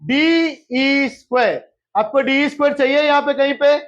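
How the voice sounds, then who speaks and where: A man's voice: extremely high pitch, moderate pace, a bit bright, dull audio. A male math teacher, lecturing a class in geometry, often repeating questions and checking whether anyone has doubts, and mixing English terms into his speech. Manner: mixes English terms into Hindi.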